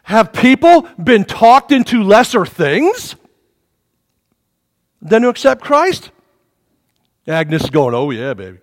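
A man's voice: very high voice, slow, long pauses. A male pastor preaching a sermon, telling stories with acted-out voices and jokes in a church. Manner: animated storytelling, acts out voices, jokey. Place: church sanctuary. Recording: reverberant hall.

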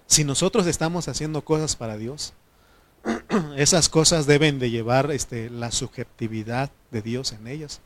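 A man with a medium-pitched voice preaches a conversational sermon, speaking informally with filler pauses and often saying amen to his congregation.

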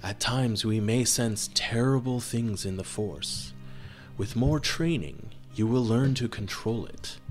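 A man voicing a kindly male Jedi master who speaks gently and slowly to children. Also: mid-range voice, expressive, faint music behind, pitched above the performer's own voice. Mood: gentle. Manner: gentle, slow and soothing.

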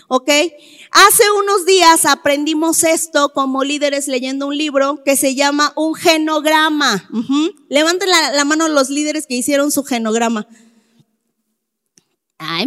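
A woman gives a talk to a live audience, her voice set high and her delivery slow and deliberate. She leans hard on key words and keeps turning to her listeners with rhetorical questions. A long echo from a hall follows every line. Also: a bit bright. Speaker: speaker addressing a church or group audience. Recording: echoey hall.

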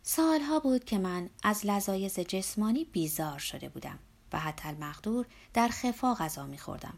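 A woman narrating a literary novel in a measured, reflective manner, sometimes softening to a near whisper. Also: medium pitch. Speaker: audiobook narrator.

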